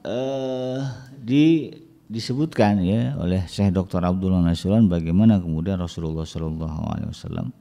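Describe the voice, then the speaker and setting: A man's voice: low voice, normal speed, vocal fry, dark tone. A middle-aged man giving a religious lecture on parenting, conversational, with frequent tag words, acting out scolding parents. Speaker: Islamic teacher.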